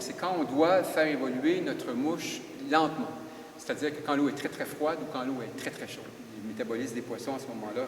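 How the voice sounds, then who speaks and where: A man's voice: mid-range voice, slight background noise. A man with a Québécois French accent teaching fly-fishing retrieves, explaining each step patiently while demonstrating. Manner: explanatory, repeats steps patiently, talks while working the line. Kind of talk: hands-on demonstration. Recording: roomy, distant mic with faint ambience.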